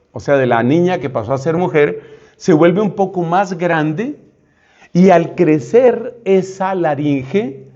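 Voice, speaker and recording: A man's voice: on the high side, a little mellow. A man, a priest, giving a conversational, humorous retreat teaching. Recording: dull lo-fi sound.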